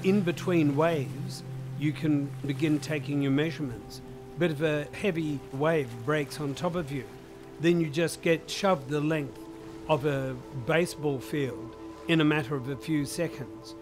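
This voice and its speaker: A man's voice: on the high side, steady tone, unhurried, music in the background. A man with an Australian accent, a chemist and museum director, explaining things vividly and plainly in an interview.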